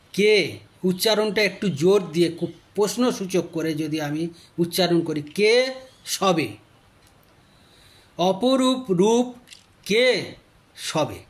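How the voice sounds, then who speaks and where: A man teaching a grammar lesson, explaining word meanings carefully and reciting short lines of verse. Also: high-pitched. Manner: slow, deliberate explaining that stretches out key words.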